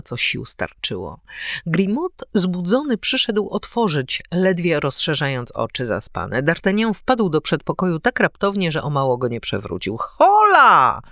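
A woman's voice: fairly low pitch, big pitch swings, moderate pace, dry recording, clean studio sound. A woman narrating a classic novel as an audiobook, telling the story expressively.

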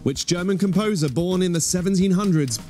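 A British man hosts a studio game show in the projected style of a prize announcer. His voice sits a little high for a man, with light music behind him. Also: a little fast, warm tone.

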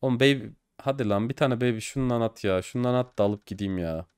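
A young man giving casual commentary while opening game cases online. He gets excitable, swears and pleads at the screen. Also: medium pitch, a little fast, clean tone, dry recording, clean studio sound. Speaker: case-opening streamer.

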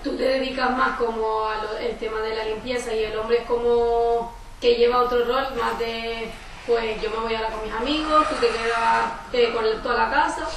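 Joven titubeante, lejana y con eco. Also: female voice, fairly high pitch, little pitch movement, normal speed. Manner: hesitant, full of fillers. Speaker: workshop participant. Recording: echoey room, distant mic, background noise.

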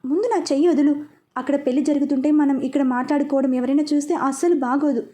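A woman voicing a sharp-tongued young woman who snaps back at her lover in a read-aloud story. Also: high voice, steady tone, quick pace, close to an everyday voice. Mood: snappy.

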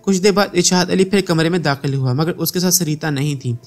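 A man reading a first-person story aloud in a steady, measured scripted narration. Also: on the high side. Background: faint background music.

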